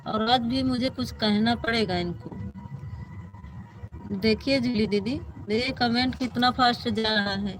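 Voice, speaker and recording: A woman's voice: a little high, unhurried. Woman, exasperated live-stream host, noisy phone audio. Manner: exasperated, complaining, repeats herself. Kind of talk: casual live-stream chat to viewers.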